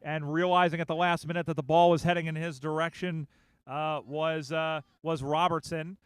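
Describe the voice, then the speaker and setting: Male sports commentator, crisp and dry. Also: fairly high pitch, dry recording. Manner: rapid play-by-play, rising excitement on big plays. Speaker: play-by-play commentator. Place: outdoor sports field.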